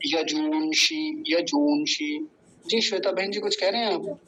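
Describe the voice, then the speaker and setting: Patient man drawing out words slowly. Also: high voice, steady tone, sharp tone, a little hiss or hum, poor audio. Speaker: Sanskrit teacher. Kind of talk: online pronunciation class.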